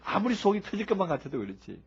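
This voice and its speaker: Man, sermon, husky, animated, humorous, dull lo-fi recording. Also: high-pitched, very fast. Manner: animated, humorous, acts out shouting worshippers. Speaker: preacher.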